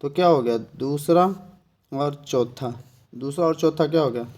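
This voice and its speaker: Himachali man teaching grammar, slightly high. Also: moderate pace, a little mellow. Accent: Himachali Hindi. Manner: repeats "thik hai" and rhetorical questions. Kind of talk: exam-prep grammar lesson.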